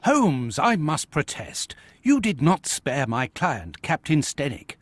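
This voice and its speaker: A proper British gentleman doctor, a detective's sidekick in a video game. The voice is husky and fairly high, hugely animated, with fussy, formal phrasing. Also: slow pace, dry recording, heavily acted. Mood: indignant. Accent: British English. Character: proper, indignant, good-hearted gentleman doctor, detective's companion. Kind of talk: dramatic video game voice acting.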